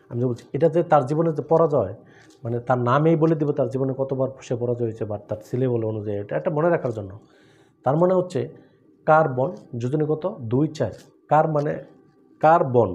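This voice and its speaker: A man with a mellow, dark-toned voice teaches chemistry. He walks through each point one step at a time, posing questions and answering them himself. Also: medium pitch. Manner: explains step by step with rhetorical questions. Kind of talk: classroom-style lesson with memory tricks.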